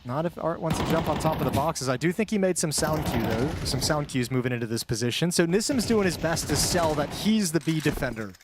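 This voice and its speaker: A man's voice: on the high side, expressive, brisk, few pauses, noisy background. A man co-casting esports live as the analyst, conversational and opinionated, mixing tactical breakdowns with banter.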